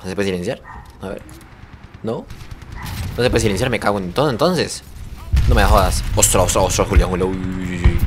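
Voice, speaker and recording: A young man, excitedly commentating his own gameplay and swearing at the action. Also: fairly low pitch, a little fast, long pauses, music in the background. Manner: excitable, swearing, reacting loudly to the game. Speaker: gamer.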